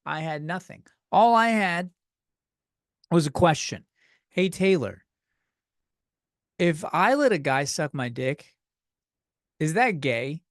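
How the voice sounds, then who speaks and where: A man's voice: a little high, lively intonation, slow pace, long pauses, no room sound, studio quality. A man in his thirties hosting a solo comedy podcast, rambling and swearing as he rants. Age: 30s. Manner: rambling, profane, self-deprecating. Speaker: podcast host.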